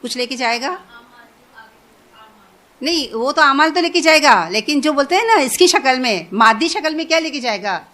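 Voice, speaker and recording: A woman's voice: high voice, lively intonation, bright, forceful tone. A woman giving an informal religious lesson, talking conversationally, repeating phrases and asking her listeners questions. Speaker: Quran teacher.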